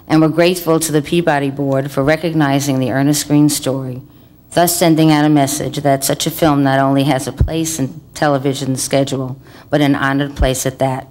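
Woman reading an even, flat thank-you. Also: sits low. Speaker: film producer accepting an award. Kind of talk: formal acceptance speech. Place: stage podium at an awards ceremony. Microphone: podium microphones.

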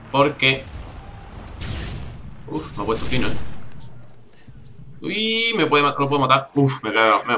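Chatty Spanish gamer from Spain, voice kept down. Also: male voice, mid-range voice, slight background noise. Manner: chatty, exasperated, swears often; keeps voice down, not shouting. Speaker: gaming YouTuber. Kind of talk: gameplay commentary. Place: home room, early morning.

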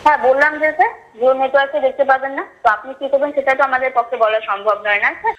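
A woman answers as a customer care agent, heard over a phone call. Her voice sits a little high and comes fast, muffled by the phone line. She stays polite and patient, leaning on the same formal set phrases.

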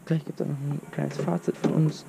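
Young man with a gravelly voice. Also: a little high, moderate pace. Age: young adult. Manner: relaxed, thinking aloud with fillers. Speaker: travel vlogger. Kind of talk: casual vlog commentary. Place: outdoors by a lake, later beside a van. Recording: outdoor recording with clear noise. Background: clear outdoor noise.

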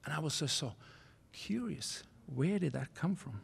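A man in his forties from Norway with a Norwegian accent, giving a keynote speech at a university podium, earnest and halting, restarting phrases in non-native English. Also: fairly high pitch, expressive, creaky, husky. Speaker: keynote speaker. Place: university auditorium stage. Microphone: podium microphone.

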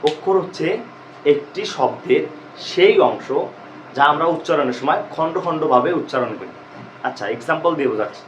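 A man's voice: on the high side, lively intonation, a little fast, reverberant, slight background noise, low-quality recording. Man teaching a grammar lesson. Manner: explains step by step, repeating questions to students.

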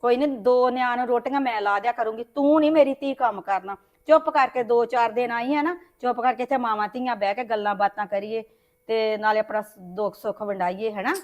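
Actress as a sharp-tongued mother-in-law in a web drama, high voice, reproachful, nagging. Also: a little fast. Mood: gentle. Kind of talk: web series family drama acting.

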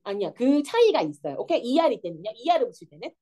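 A woman's voice: on the high side, fast. A young woman teaching an English grammar lesson, explaining step by step and often checking whether the students follow. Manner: lively, keeps checking understanding with students.

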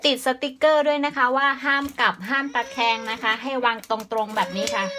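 A woman who runs a gardening channel, chatting politely and pointing things out as she shows how to pack a plant for shipping. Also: sits high. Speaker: gardening vlogger. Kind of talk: casual how-to demonstration. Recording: loud background noise.

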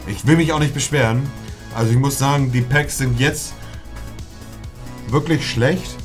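Casual live-stream commentary from a young man opening FIFA packs: medium-pitched voice, measured pace, slangy street talk. He drops "Digga" constantly and erupts into shouting at good pulls, with game music faint in the background.

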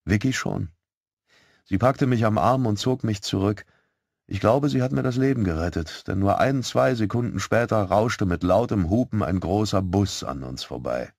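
A man narrating an audiobook in the first person, calm and measured. His voice sits low, and the recording is dry and close with no room sound. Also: vocal fry, no room sound.

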